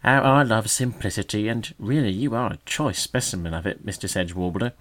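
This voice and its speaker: A man's voice: mid-range voice, expressive, normal speed, voice pushed up, lightly acted. A sneering know-it-all magpie, as a man puts him on. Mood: mocking. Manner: sneering mock solemnity. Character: mocking conceited older male magpie.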